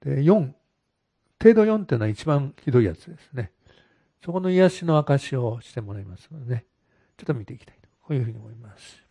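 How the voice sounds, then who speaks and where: A male pastor introducing a testimony and urging prayer, easygoing and expressive. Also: mid-range voice, fast, creaky, breathy edge, muffled recording. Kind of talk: sermon introduction.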